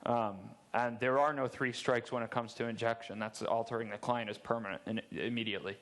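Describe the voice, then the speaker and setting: On a large, dark stage at a game convention, a security presenter in his thirties fields audience Q&A through a headset mic. His medium-pitched, fairly bright voice holds a steady tone at a fairly quick pace, and he's candid and joking while often restarting what he says.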